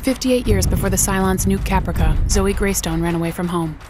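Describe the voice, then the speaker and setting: A woman's voice: medium pitch, brisk. A woman reading a scripted comic television recap in a flippant, slangy manner. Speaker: recap narrator. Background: music bed.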